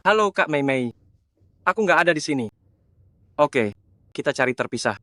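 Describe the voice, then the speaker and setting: A man's voice: a little high, lively intonation, normal speed, fairly bright tone. An actor playing an exasperated, teasing young man, a loyal younger brother who grumbles, in a drama.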